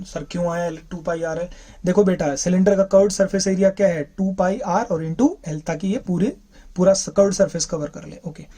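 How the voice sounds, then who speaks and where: A man's voice: sits high, warm tone. A man teaching a physics class, asking his students questions and then answering them himself. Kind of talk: classroom lecture.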